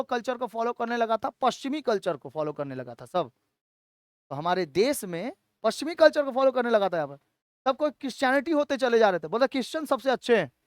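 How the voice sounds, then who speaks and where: A man's voice: extremely high pitch, no room sound, studio quality. A male teacher gives a history lecture. He keeps asking the class questions, answers them himself, and checks in with "theek hai" all the time.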